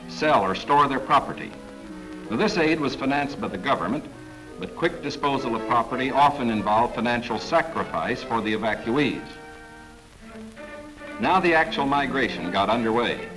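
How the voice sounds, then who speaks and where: A man giving formal, measured 1940s government newsreel narration. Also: medium pitch, rough recording. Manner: formal, measured, authoritative delivery. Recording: narration over clear background music.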